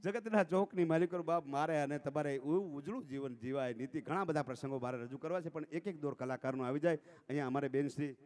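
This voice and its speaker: A man's voice: on the high side, quick pace, darkish tone. A man, telling folk stories and jokes on a dayro stage in a rhythmic, declaiming manner. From Gujarat. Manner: declamatory, rhythmic recitation of sayings, with frequent "saheb" addresses. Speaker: folk dayro storyteller and emcee. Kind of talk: folk stage oratory with humorous anecdotes.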